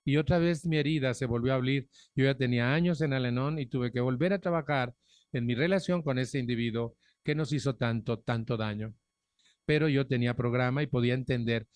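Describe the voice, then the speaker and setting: A middle-aged man with a Mexican Spanish accent gives a frank personal testimony at a recovery group meeting, speaking bluntly into a stand microphone with earthy profanity and direct questions to the audience. His mid-range voice is a little mellow and a little fast, with no echo.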